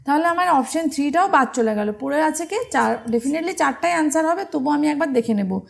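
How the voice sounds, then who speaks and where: A woman's voice: high voice, expressive, a little fast, creaky. A woman from teaching an exam-prep grammar lesson, patient and step by step, asking her students questions as she goes.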